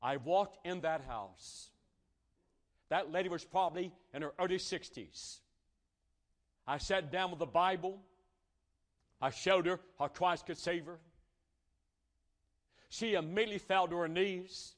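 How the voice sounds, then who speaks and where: A man's voice: high voice, a little slow, pauses often. A male pastor preaching a sermon, telling a personal story and stretching out key phrases for emphasis.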